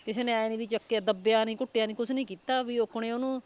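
A woman's voice: fairly high pitch, steady tone, racing, darkish tone. A middle-aged woman from Punjab, India, a grieving mother answering interview questions in a plaintive voice, repeating her complaints.

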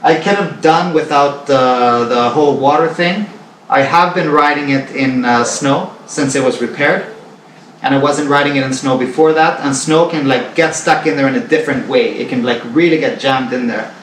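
A man's voice: mid-range voice, moderate pace, fairly bright tone, a little hiss or hum. Rambling man in his forties, roomy. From Canada. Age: 40s. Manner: rambling, repeats himself, many fillers. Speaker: vlogger. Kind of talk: casual talk to camera. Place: living room at home. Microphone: far camera on a tripod. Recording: roomy, distant camera sound.

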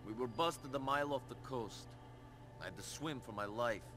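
A man's voice: mid-range voice, moderate pace, music in the background, close to an everyday voice. An actor playing a desperate game character who pleads that he did not steal the money. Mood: pleading. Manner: defensive, pleading. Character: desperate man accused of losing money.

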